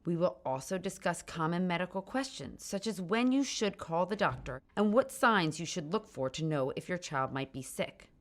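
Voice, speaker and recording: A woman introducing an educational video in a lively, upbeat way. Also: on the low side, moderate pace, few pauses. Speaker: hospital staff presenter. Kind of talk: scripted educational narration.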